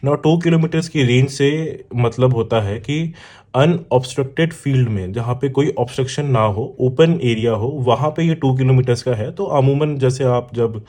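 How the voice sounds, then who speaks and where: This motorcycle vlogger and product reviewer has an Indian accent and a warm, mid-range voice at a normal speed. Addressing viewers directly, he gives a relaxed, explanatory unboxing talk that blends Hindi with English, using examples and frequent check-ins.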